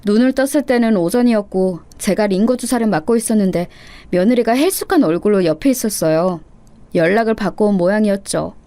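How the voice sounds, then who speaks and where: A woman reading a first-person life story in a steady, confessional storytelling manner. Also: mid-range voice, a little fast, no room sound. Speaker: story narrator.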